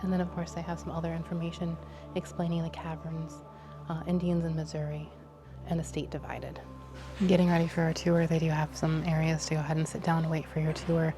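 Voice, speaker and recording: A woman's voice: low-pitched, monotone, fairly quick, over music. A woman travel vlogger giving casual running commentary to her viewers as she looks around.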